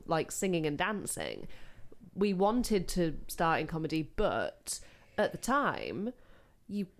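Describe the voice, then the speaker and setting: A woman, co-hosting a casual podcast chat and giggling often as she talks. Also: mid-range voice. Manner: giggly, laughs often mid-sentence. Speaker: podcast co-host.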